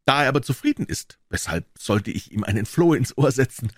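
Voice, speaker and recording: A man voicing an excitable middle-aged pawnbroker who talks in high, eager exclamations in an audiobook. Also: a little fast, breathy edge, dry recording, clean studio sound. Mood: chatty. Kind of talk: audiobook character voice.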